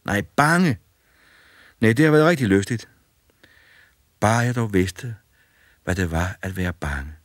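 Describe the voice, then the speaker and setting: A man's voice: lowish voice, expressive, long pauses, no echo, studio quality, pitched above the performer's own voice, natural voice. A man doing a brash, fearless young lad. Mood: cheerful. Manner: bright, brash and eager. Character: fearless, cheeky young boy who cannot feel fear. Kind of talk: audiobook fairy tale reading.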